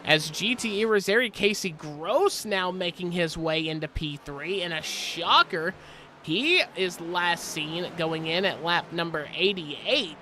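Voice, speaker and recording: A man calling a sim racing broadcast from home, apologetic and quick to correct himself on air. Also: a little high, lively intonation, background noise. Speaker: sim racing play-by-play commentator. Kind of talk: live race commentary. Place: home, helicopters overhead.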